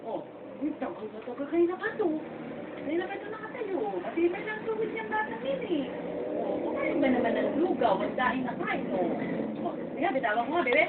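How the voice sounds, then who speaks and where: A woman's voice: very high-pitched, big pitch swings, a little fast, echoey room, recorded from a distance. A mother coaxing her baby to stand and dance, cooing in sing-song baby talk and laughing often. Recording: tinny, noisy lo-fi home video, voice from across the room.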